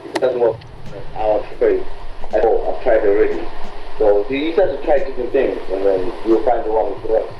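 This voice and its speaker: A man co-hosting a podcast who talks in a halting way and repeats words. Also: on the low side, lo-fi sound, background noise. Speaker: podcast co-host. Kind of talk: casual group chat.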